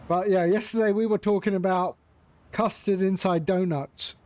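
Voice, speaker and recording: A man's voice: sits high, fairly even intonation, moderate pace, darkish tone, no room sound. A man streaming a flight simulator, chatting casually with his viewers, joking and laughing often. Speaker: flight sim livestreamer.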